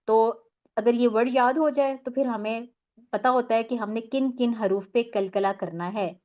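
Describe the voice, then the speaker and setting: A woman's voice: a little high, darkish tone. A woman teaching a tajweed lesson on Quran recitation, explaining patiently step by step with many fillers and English words mixed in.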